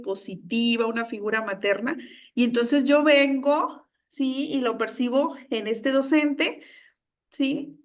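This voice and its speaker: Female teacher, high register, panel speaker; explanatory, with frequent check-in questions. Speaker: teacher and doctoral student. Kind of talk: panel discussion.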